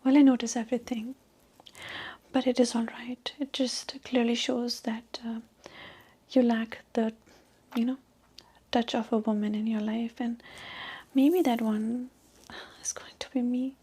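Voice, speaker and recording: A woman's voice: a little high, little pitch movement, unhurried, pauses often, husky. A woman whispering in an Indian accent as a chatty, boastful young Indian woman on a marriage date, in an ASMR roleplay. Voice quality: soft whisper. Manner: boastful, gossipy, rambling.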